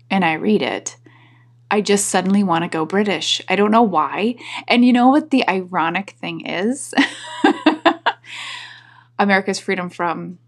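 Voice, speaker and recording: A woman hosting a podcast, chatting casually and reading poems in a soft voice that drops into whispers. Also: medium pitch, gravelly. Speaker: podcast host. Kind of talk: casual talk and poetry reading.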